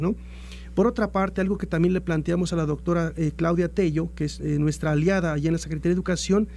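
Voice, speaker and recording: A Mexican man with a high voice and dark tone speaks Mexican Spanish as an institutional guest on a radio interview. His answers about institutional plans are formal and earnest, and he often repeats phrases as he goes. There's slight background noise.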